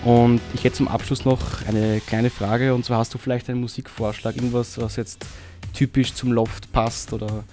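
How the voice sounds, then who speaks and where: A man asking interview questions calmly and deliberately. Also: mid-range voice, music in the background.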